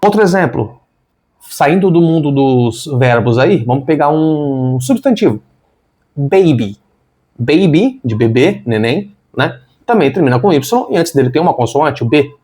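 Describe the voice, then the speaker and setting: A man's voice: on the high side, expressive, unhurried, warm tone. A man, an English teacher explaining spelling rules step by step and spelling words out letter by letter. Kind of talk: online language lesson.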